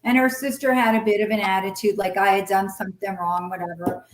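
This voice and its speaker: A woman's voice: mid-range voice, fairly even intonation, a little fast, a little hiss or hum. A middle-aged woman telling a personal story candidly and bluntly, swearing freely and acting out past conversations in quoted voices. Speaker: guest sharing her story. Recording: roomy echo.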